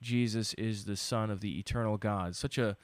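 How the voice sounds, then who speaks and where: A man's voice: fairly low pitch, fairly even intonation, moderate pace, no echo. A man hosting a show, interviewing a guest in a conversational way. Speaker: radio show host.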